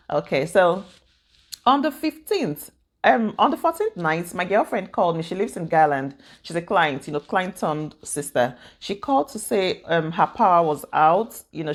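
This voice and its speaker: A woman records a relaxed vlog at home in the morning, speaking directly to her viewers. Her voice sits fairly low, and she talks in a chatty, rambling way, often breaking into laughter and starting sentences over. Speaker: YouTube vlogger. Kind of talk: casual direct-to-camera vlog chat.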